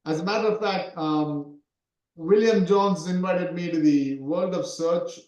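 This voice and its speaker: High-voiced man coaching in a roomy echo. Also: unhurried, darkish tone. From Sri Lanka. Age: 40s. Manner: repetitive, keeps asking "right?". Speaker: SEO coach. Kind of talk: coaching talk in an interview.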